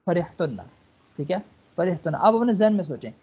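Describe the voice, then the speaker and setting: A man tutoring a student online, patiently walking through each step and checking in again and again. His voice is mellow and a little husky, and the lesson audio sounds dull and lo-fi. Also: high-pitched, expressive. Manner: coaxing, repeats words and checks understanding. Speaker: online Arabic teacher.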